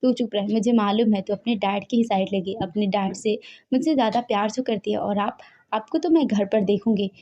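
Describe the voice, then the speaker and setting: A woman's voice: medium pitch, brisk, warm tone, dull audio, natural voice. A woman doing a scolding, hot-tempered mother. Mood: indignant. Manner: indignant, scolding. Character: quick-tempered middle-aged mother, scolding.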